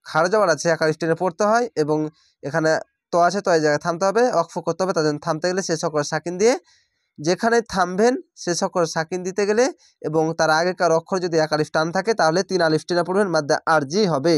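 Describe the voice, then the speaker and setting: Man, Quran reading teacher with a Bangladeshi Bengali accent, drawn-out chanting with brisk explanations, dry close sound. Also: a little high, dry recording. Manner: drawls each word slowly when chanting, then explains quickly. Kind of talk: spelled-out Quran recitation lesson.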